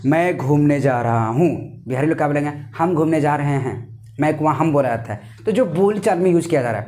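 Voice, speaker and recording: A man's voice: high-pitched, darkish tone. A man teaching an English lesson online, explaining by asking and answering his own questions, with chatty joking asides.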